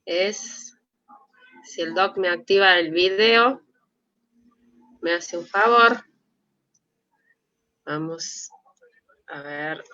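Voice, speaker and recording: An Argentine woman gives a medical lecture online in a conversational manner. Her voice is bright and sharp at a middling pitch. The sound is a little dull, as on a video call.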